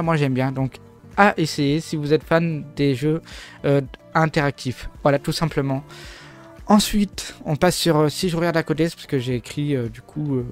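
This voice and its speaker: A man's voice: a little high, clear, resonant tone. A man whose first language is French, casually rambling through game overviews with jokes, many fillers and restarts. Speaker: gaming video host.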